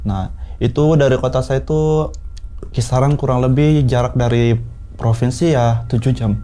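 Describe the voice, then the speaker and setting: A man in his twenties from South Sulawesi, telling a horror story in a relaxed, unhurried way with many pauses. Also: mid-range voice, a little hiss or hum. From South Sulawesi, Indonesia. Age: 20s. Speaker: guest storyteller.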